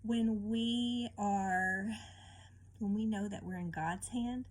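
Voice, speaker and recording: Reading a picture book to children, this woman speaks slowly in a medium pitch. Her teaching is informal and expressive, and she frequently stops to ask the listener questions.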